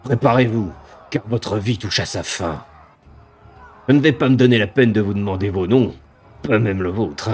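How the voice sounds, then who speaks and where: A man voicing a ravenous demon from a video game, a haughty dark lord who taunts with drawn-out, mocking menace. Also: lowish voice, natural voice. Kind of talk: dramatic video game villain read aloud.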